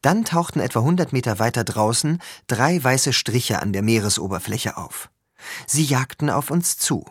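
A man reading a first-person story aloud as an audiobook, with expressive, lively storytelling. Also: medium pitch, moderate pace, slightly rough, no room sound, studio quality. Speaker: audiobook reader.

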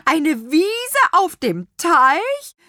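A woman voicing an excitable female hen who clucks between her words in a storybook reading. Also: very high-pitched, very slow, dry recording, clean studio sound, voice pushed up, full character voice. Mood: excited.

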